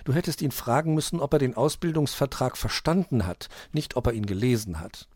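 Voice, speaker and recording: A man's voice: medium pitch, expressive, brisk, darkish tone, dry recording, close to an everyday voice. A man doing a cheeky young girl helper. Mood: teasing. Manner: teasing, breezy.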